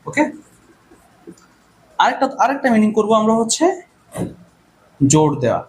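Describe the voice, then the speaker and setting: Male teacher, high animated voice, classroom drill style, faint room noise. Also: unhurried. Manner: repeats questions and answers in a drilling call-and-response. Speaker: English grammar teacher. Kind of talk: classroom lecture.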